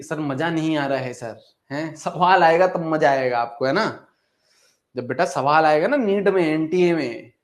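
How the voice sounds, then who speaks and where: Brief: young male chemistry teacher, slightly high voice, coaxing and repetitive, answers his own questions. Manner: coaxing, repeats phrases, asks and answers students' questions himself; mixes English terms into the talk, calls students "beta". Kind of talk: classroom lecture.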